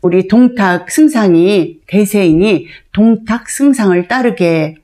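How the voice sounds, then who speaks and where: An older woman voicing a persuasive, flattering male envoy in an old storybook tale. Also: mid-range voice, unhurried, natural voice. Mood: coaxing. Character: smooth-talking male envoy coaxing a warrior.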